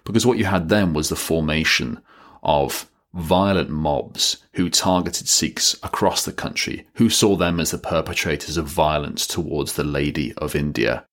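Very deep-voiced man explaining history. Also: fairly bright tone. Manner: wry, with dry joking asides. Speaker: educational video presenter. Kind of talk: scripted explainer narration.

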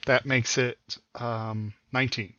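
A man's voice: medium pitch, level tone, measured pace, sharp tone, highs cut off. A man playing a tabletop game, talking casually and a little hesitantly. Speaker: player.

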